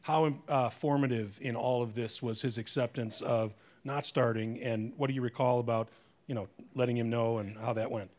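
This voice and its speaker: A man speaks as a newspaper reporter from the audience at a press conference. He puts his question into a handheld microphone with some halting pauses, at a middle pitch. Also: steady tone, a little mellow.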